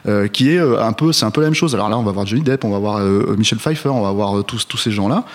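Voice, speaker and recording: A man's voice: on the low side, fast. Hesitant man reviewing a film. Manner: hesitant, many fillers and restarts. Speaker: film podcast co-host. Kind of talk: casual film review chat.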